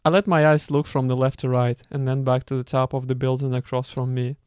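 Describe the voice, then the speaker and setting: A man's voice: medium pitch, little pitch movement, brisk, darkish tone, smooth, no echo. Man, reader, book read-aloud with asides, stumbling, dry close sound. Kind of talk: reading a book aloud with commentary.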